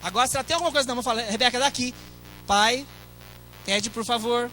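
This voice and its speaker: Bright high-voiced Brazilian pastor preaching. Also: male voice, fast, faint music behind, rough recording. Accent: Brazilian Portuguese. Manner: conversational preaching with asides to the congregation. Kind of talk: sermon.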